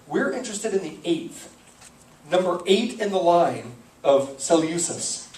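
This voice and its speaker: A male pastor gives a verse-by-verse Bible lesson in a loose, conversational way, pausing to work out names aloud. His voice sits a little high and sounds far from the mic, and the church hall around him rings with echo. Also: sing-song, a little mellow, slight background noise. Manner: conversational, thinks aloud, self-correcting on names.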